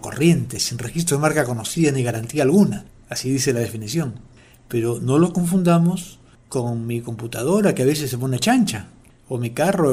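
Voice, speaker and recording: Husky-voiced Peruvian man explaining words. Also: mid-range voice, darkish tone. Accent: Peruvian Spanish. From Peru. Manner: playful, acts out everyday quotes. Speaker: host of a language segment. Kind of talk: explanatory talk.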